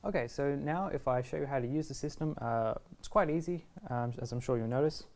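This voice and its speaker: With a mid-range, slightly mellow voice and a slightly fast pace, a man in his twenties presents a step-by-step product tutorial in a casual, reassuring way. He stands at a table inside a shop's video studio.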